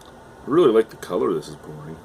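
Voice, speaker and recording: Over a faint hum from the air conditioner, a young Canadian man reviews a beer at home in a low, dark-toned voice that's turning hoarse. He's very animated and fairly quick, yet still hesitant and chatty, constantly saying "uh" and restarting his sentences as his voice gives out.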